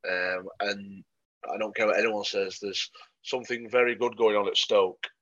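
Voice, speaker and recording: A man's voice: lowish voice, flat delivery, normal speed, a bit bright. A man co-hosting a football podcast, giving matter-of-fact opinions in a dry way with plenty of ums. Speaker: podcast co-host. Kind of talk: casual football podcast chat. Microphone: podcast microphone. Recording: muffled lo-fi sound.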